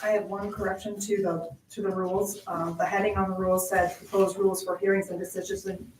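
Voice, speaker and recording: A woman's voice: mid-range voice, level tone, a little fast, a little mellow. A woman speaking formally as a board member, putting motions and corrections at an official meeting. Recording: echoey room, distant mic, faint noise.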